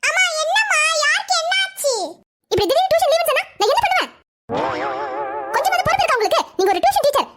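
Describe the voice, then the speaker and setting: A performer doing a shrill complaining cartoon wife. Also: lively intonation, fast talker, heavy background noise. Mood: exasperated. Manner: shrill, complaining, self-pitying. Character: fretful, complaining young wife and mother. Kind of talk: cartoon family drama voice acting.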